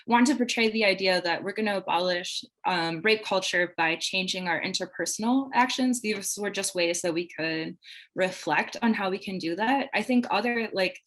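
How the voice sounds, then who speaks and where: A woman's voice: mid-range voice, normal speed, fairly bright tone, rough recording. A woman facilitating a live online training over a video call, earnest and loose, with many "like"s and "um"s. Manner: earnest, heavy use of "like" and "um". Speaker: workshop facilitator.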